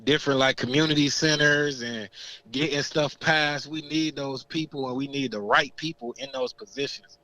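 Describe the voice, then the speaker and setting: A young man calling in to a radio show, a coach talking in a laid-back, halting way. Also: mid-range voice, steady tone, bright, forceful tone, rough recording. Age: young adult. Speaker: caller, high school coach. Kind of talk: casual phone-in chat.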